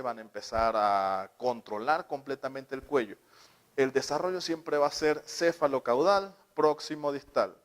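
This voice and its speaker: A man giving a live talk to parents about child development, often asking them questions and acting out short quoted scenes. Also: medium pitch. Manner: asks the audience questions and acts out little quoted scenes.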